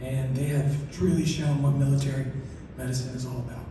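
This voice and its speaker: A soft-spoken man giving an acceptance speech, his articulation slurred as if one side of his mouth is numb. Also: mid-range voice, little pitch movement, fairly quick. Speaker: award recipient. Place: large hall through PA. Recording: echoey hall, distant, noisy ambience.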